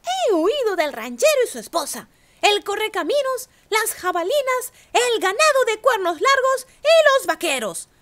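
A tiny gingerbread cowboy brags and teases in a high, swooping sing-song voice, as a woman reading a storybook puts him on. He sounds giddy and full of himself, and the pitch leaps around. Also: huge pitch swings, unhurried, few pauses, bright, forceful tone, full character voice. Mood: boastful. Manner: giggly, taunting sing-song, bragging. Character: cocky runaway gingerbread cowboy, small, boastful.

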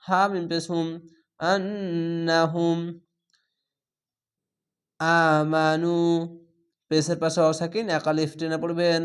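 A man gives a Quran reading lesson in a smooth, clear voice that sits a little high. He spells each letter and vowel, then stretches the recited words out at an unhurried pace.

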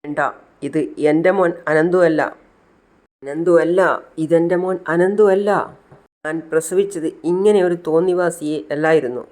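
A distraught middle-aged mother repeats her anguish in a fairly high voice, as a man acts her out. She speaks in the wounded tone of a retold family serial. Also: steady tone, normal speed, mellow, close to an everyday voice. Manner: anguished, disowning.

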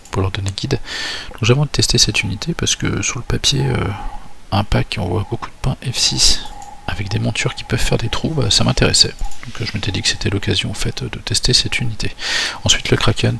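A man's voice: on the low side, gravelly, pushed and bright, a little hiss or hum. A man walking through his tabletop army list for a battle report, talking hesitantly with many fillers and restarts. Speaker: tabletop wargame player.

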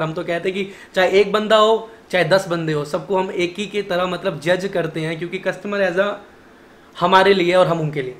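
A young man in his twenties with a Delhi accent, hosting a casual vlog and chatting in a friendly way, recorded on a phone held at arm's length in a small indoor shop office. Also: high voice. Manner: chatty, friendly, calls the other man brother. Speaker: vlogger host. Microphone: phone camera held at arm's length.

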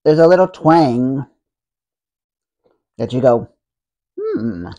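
A young man reviewing a snack on camera with his mouth partly full, rambling casually. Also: medium pitch. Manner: relaxed, rambling, drawn-out musing.

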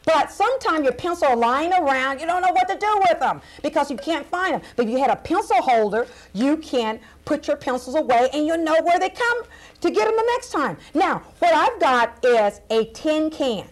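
High-pitched cheerful clown woman. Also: sing-song, normal speed, a little hiss or hum. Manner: sing-song, coaxing, addressing children. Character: cheerful female clown craft teacher. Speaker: arts and crafts host. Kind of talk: children's TV craft lesson.

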